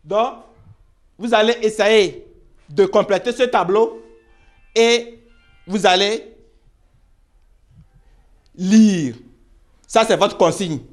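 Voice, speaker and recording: A man's voice: high voice, soft background music. A man teaching a primary school reading lesson, spelling out syllables, repeating words and checking with the pupils as he goes. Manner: slow, repeats words and syllables, asks "vous voyez?".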